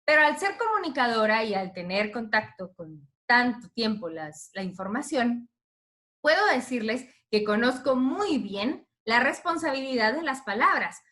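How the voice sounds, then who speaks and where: A woman in her thirties speaks to a group of teachers with the lively, expressive manner of a radio announcer. Her voice sits a little high and rings bright. She tells her story with animated, changing emphasis. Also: unhurried. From Guatemala. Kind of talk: talk to teachers.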